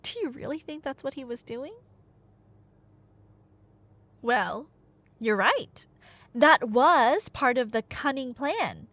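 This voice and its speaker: Taking it slowly with long pauses, a woman with a high, fairly bright voice and big pitch swings speaks close to the microphone, with no echo. She plays a nerdy girlfriend who excitedly recounts Greek myths in an animated ASMR roleplay, teasing the listener conversationally and dramatically.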